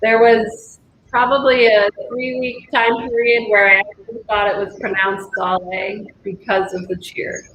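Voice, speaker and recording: A woman chats playfully and giggles often during a group chat. Her voice sits fairly high, and the room around her is echoey, with a faint hiss. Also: level tone, normal speed, fairly bright tone, muffled recording. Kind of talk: casual chat.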